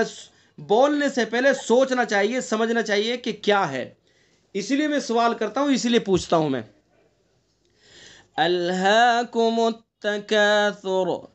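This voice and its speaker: Guy teaching quran recitation online, keeps quizzing students on the rules, chants verses slow and stretched out. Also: very high voice, fairly bright tone, muffled recording. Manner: patient questioning, drills rules step by step. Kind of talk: online tajweed class.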